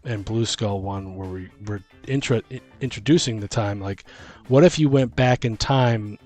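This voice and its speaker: A man with a lowish, somewhat mellow voice speaks at a moderate pace, brainstorming ideas as a tabletop game host. It's a casual, rambling chat about fantasy tabletop games, with music playing behind him.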